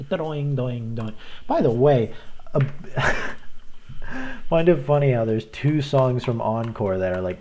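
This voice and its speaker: A man's voice: lowish voice, a little mellow, slight background noise. A young man giving casual gameplay commentary, rambling with many fillers and little chuckles.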